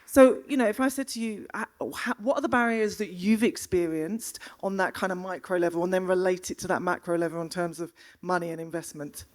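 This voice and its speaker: A woman's voice: on the low side, steady tone, fairly quick, hardly any pauses. South London woman moderating a panel.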